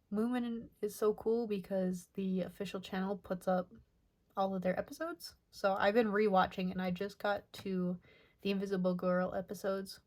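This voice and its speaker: A young woman casually narrating over her sketchbook pages, soft and rambling with many pauses and filler words. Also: mid-range voice. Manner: soft, rambling, many ums and self-corrections. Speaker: artist showing her sketchbook.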